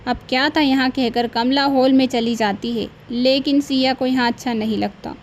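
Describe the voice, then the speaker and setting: A woman narrating a cartoon story in a plain, even storytelling manner. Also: sits high, moderate pace, slight background noise.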